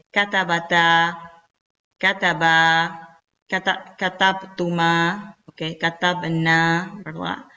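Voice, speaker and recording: A woman teaching an Arabic grammar lesson, explaining step by step and slowing down to drill example words, often checking in with "ok?". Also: medium pitch, fairly bright tone, recorded from a distance, lo-fi sound. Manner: checks in with "¿ok?" and "¿verdad?".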